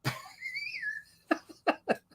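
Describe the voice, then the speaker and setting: A middle-aged American man paints on a livestream, and his very high voice swoops wildly in pitch. He speaks very slowly with a fairly bright tone. He rambles casually, making jokes at his own expense.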